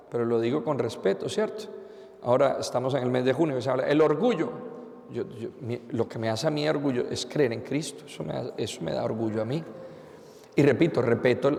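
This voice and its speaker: Man, priest, sermon, gravelly, fairly high voice, long church reverb. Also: darkish tone. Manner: earnest preaching with rhetorical questions and repeated phrases.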